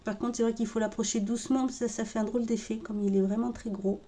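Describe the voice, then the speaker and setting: Mellow-voiced woman narrating a makeup tutorial. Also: on the high side, quick pace. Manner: calm, step-by-step, talking while working. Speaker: makeup vlogger. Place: home room with birdsong outside.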